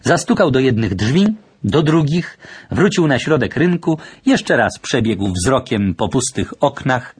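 A man narrating a historical novel as an audiobook in measured, old-fashioned storytelling. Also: medium pitch, big pitch swings, breathy edge. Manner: measured storytelling in archaic phrasing.

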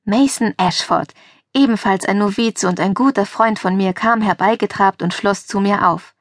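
Young adult female audiobook narrator, mid-pitched, dry close booth sound, lively first-person read. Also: moderate pace, no echo. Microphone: close studio mic.

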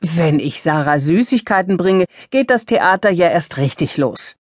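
Brief: woman reading an easygoing grandfather in a storybook, lively retorts, dry booth. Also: fairly high pitch, measured pace, no echo. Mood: wry.

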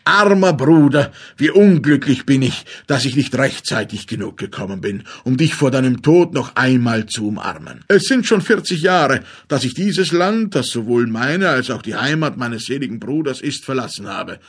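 A man's voice: medium pitch, expressive, normal speed, few pauses, husky. A man voicing a scheming sorcerer who fakes tearful grief and poses as a long-lost uncle, speaking in a theatrical, fawning way. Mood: tearful, coaxing.

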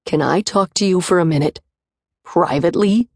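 A woman narrator voicing a gruff, possessive young man who growls his lines low and menacing, in an audiobook. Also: moderate pace, a little mellow, no echo, studio quality.

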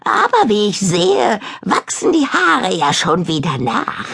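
A woman voicing a boastful, clumsy female witch with a hoarse voice and a slow, bragging way of chanting spells. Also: medium pitch, wildly swooping pitch, fairly bright tone, voice pushed up, heavily acted. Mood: teasing.

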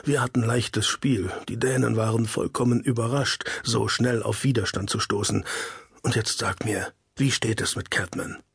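A man's voice: on the low side, steady tone, moderate pace, vocal fry, fairly bright tone, breathy edge, dry recording, studio quality, exaggerated voice. A man doing a stern noble father. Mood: calm report. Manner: curt and firm.

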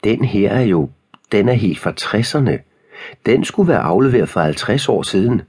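A man's voice: lowish voice, animated, a little mellow, husky. A man reading a curt librarian. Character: curt middle-aged librarian.

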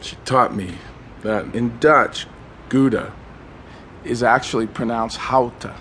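Guy narrating a story slow and dreamy, kinda rambly with little stutters, faint background hum. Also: medium pitch, fairly even intonation, fairly bright tone. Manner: wistful, rambling monologue with stammers and asides. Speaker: audiobook narrator. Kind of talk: first-person horror story reading.

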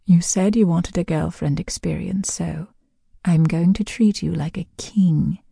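Woman, sultry close-mic narrator: dark, breathy, very slow, half-whispered. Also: fairly low pitch, dry recording. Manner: slow, hushed, seductive delivery with whispered phrases. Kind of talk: scripted intimate second-person audio narration.

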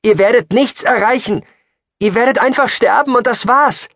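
A man's voice: extremely high pitch, normal speed, fairly bright tone, no room sound, studio quality, pitched above the performer's own voice, exaggerated voice. A man voicing a desperate adult man who pleads urgently in a raised voice.

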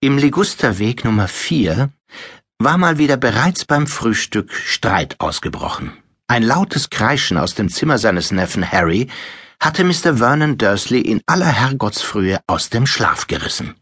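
A man reading an audiobook aloud in expressive storytelling style, switching into many character voices. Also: medium pitch, a little slow, slightly rough, no echo, studio quality. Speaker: audiobook narrator. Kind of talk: scripted narration.

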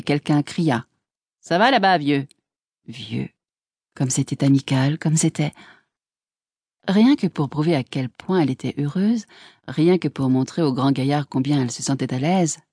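Audiobook narrator, woman, low-pitched, measured reading. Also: mellow, breathy edge, no echo, studio quality.

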